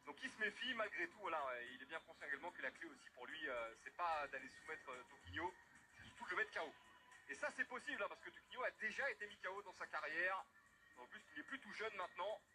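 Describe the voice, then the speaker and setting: High-voiced male fight commentator over music. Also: lively intonation, quick pace, sharp tone. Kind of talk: MMA broadcast commentary, presenting fighters. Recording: music playing under the voice.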